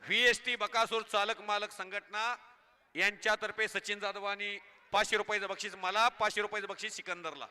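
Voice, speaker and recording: A man from Maharashtra announcing a wrestling match live over a loudspeaker, calling moves, prize money and scolding the crowd in an excited, shouting manner. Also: high voice, normal speed, clear, resonant tone. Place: outdoor wrestling ground.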